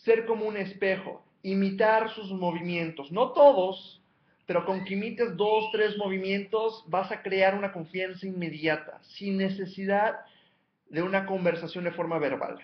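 High-voiced coach in an echoey room. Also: male voice, fairly even intonation, measured pace, dull audio, slight background noise. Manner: emphatic, counts off numbered steps and repeats key points. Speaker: life coach. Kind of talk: motivational coaching talk.

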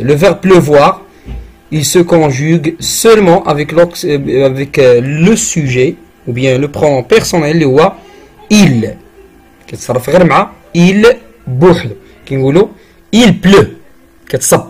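A man with a Moroccan accent, a French teacher giving a grammar lesson that mixes French and Moroccan Arabic. He reads each French example slowly and deliberately, then explains it in Darija. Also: on the high side.

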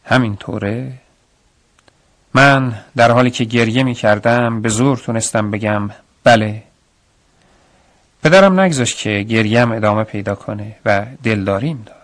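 A man's voice: mid-range voice, no room sound. A man narrating a radio story in the first person, reflective and earnest, on a studio mic.

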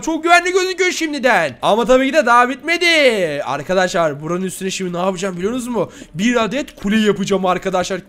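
A young man hosting a Minecraft role-play video, excitable and giggly as he talks to his viewers. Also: very high-pitched. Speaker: gaming YouTuber host.

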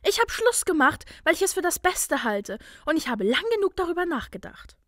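A woman playing a sharp young witch, high and lively, confident, dry close sound. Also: dry recording, full character voice. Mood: indignant. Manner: bright, brisk, self-assured. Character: young woman, clever confident wizard student.

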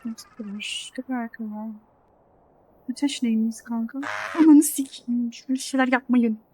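Young woman with bright, high voice. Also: steady tone, moderate pace, a little hiss or hum. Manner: reactive, swears freely, jokes at the game. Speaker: gaming channel host. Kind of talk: casual let's-play commentary.

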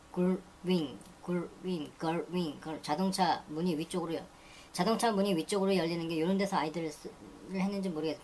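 A low-pitched woman reads English vocabulary entries as a teacher, saying each word twice before running through its meanings. The pace is brisk and list-like. A faint hiss of noise sits under the voice. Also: a little mellow. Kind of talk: reading dictionary entries aloud.

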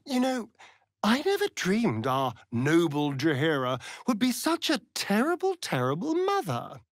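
This English-accented vampire noble from a fantasy game sounds indignant and arch, delivering his sardonic lines in a flamboyant, drawling style. His pitch leaps up and down dramatically as he takes his time, and the close, dry recording captures a fully committed character voice.

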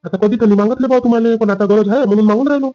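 A man's voice: sits high, steady tone, rapid-fire, dry recording, lo-fi sound, natural voice. A man playing a stern older farmer father. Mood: calling. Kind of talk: family drama skit.

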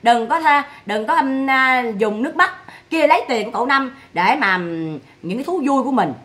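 A woman's voice: high-pitched, animated, normal speed, a bit bright. A woman, scolding and mocking someone in a vlog monologue full of rhetorical questions. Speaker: vlogger commenting on family drama.

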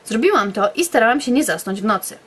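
A woman's voice: a little high, lively intonation, quick pace, a bit bright, breathy edge. A young woman reading aloud bedtime stories she wrote as a child, in a playful storytelling manner with offhand asides. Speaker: YouTuber.

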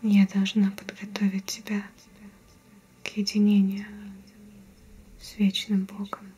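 A young woman voicing a mystical sea-cult priestess in a whispered role-play, speaking in a hushed, solemn, reassuring way over background ambience. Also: mid-range voice, monotone. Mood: soothing, reassuring. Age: young adult. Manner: slow, hushed, reverent, reassuring. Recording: whispered recording with clear background noise, ambience.

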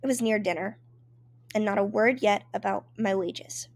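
A woman's voice: medium pitch, moderate pace, no echo, studio quality. A woman reading a first-person memoir aloud in an emotive, dramatic storytelling manner. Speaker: reader.

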